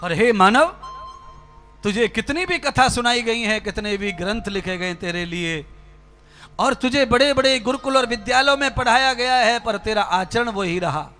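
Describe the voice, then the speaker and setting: This man preaches with a very high, bright voice, and he speaks straight to his listeners. He drives his points home with rhythmic repeated phrases. Soft music plays behind him. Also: animated, moderate pace. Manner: exhorting, direct address to listeners, rhythmic repetition. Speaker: spiritual preacher. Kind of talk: sermon.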